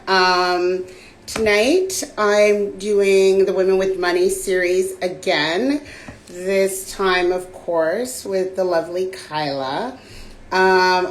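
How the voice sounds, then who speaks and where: A woman hosting a casual livestream chat, her raspy voice slightly hoarse from a cold, talking in a relaxed, chatty way with frequent fillers into a phone. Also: on the low side, slight background noise. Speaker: host. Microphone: phone on a live stream.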